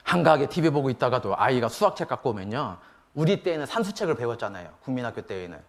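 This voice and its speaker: A middle-aged man speaking at a parents' seminar at church, in a lively talk full of acted-out family quotes. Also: mid-range voice, fast talker. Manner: animated, mimics children and parents, frequent laughter from the room.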